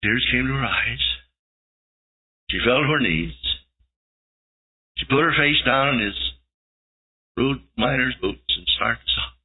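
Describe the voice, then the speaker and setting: A man's voice: mid-range voice, a little slow, pauses often, breathy edge. A man preaching a sermon, telling a story dramatically and building to emphatic peaks. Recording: tinny lo-fi tape recording.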